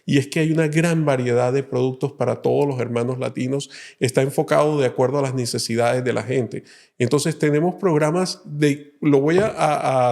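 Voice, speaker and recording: A middle-aged man from Colombia, a loan officer explaining things calmly as an interview guest. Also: medium pitch, creaky. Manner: calm, explanatory, many fillers. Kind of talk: interview answers.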